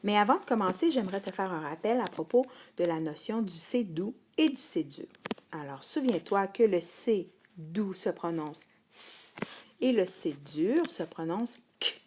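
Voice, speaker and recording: A woman's voice: medium pitch, lively intonation, measured pace, darkish tone, slight background noise. A woman teacher with a Québécois French accent, giving a patient phonics lesson to first graders and repeating each word twice.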